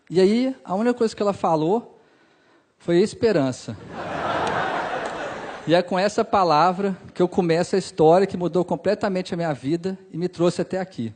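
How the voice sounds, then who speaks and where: A young man with a Brazilian Portuguese accent tells a personal story to listeners. His voice sits high, and he acts out the lines of dialogue with open emotion, dropping softer for the sad parts.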